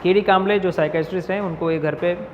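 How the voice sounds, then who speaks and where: A male teacher explaining an English lesson in Hindi. He reads each English line slowly, then explains it, and often checks in with his class. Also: high-pitched, steady tone, muffled recording. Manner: keeps checking in with "ठीक है". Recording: reverberant room with faint noise.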